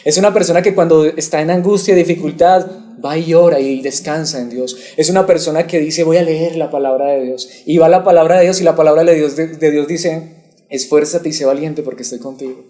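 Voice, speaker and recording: A man preaches a Bible sermon, asking his listeners questions and waiting for them to answer. His voice sits somewhat high but stays warm and mellow rather than bright. He sounds like a pastor teaching his church. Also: steady tone, a little fast. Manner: asks the congregation questions and waits for replies. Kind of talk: expository sermon.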